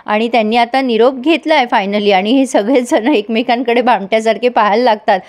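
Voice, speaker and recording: A woman narrates a serial episode recap in a casual, chatty way. Her voice is high, and she keeps speaking straight to her viewers as she goes. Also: brisk, a little mellow.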